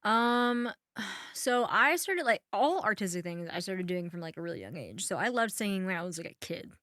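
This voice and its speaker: A young woman from New York tells stories on a podcast, casual and animated. She swears freely and leans on "like" as she goes. The sound is close and dry, with nothing behind her. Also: mid-range voice, moderate pace, no echo. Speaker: comedian guest.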